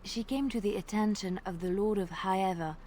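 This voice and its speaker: In character during a tabletop roleplay, a medium-pitched woman tells an old legend in a measured, dramatic way, sometimes sinking to a hush. Slight background noise is present.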